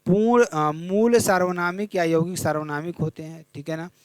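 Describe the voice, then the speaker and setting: A man's voice: high voice, normal speed, clear, resonant tone, no room sound. A young man teaching a Hindi exam revision lesson, repeating each question and checking in with his students.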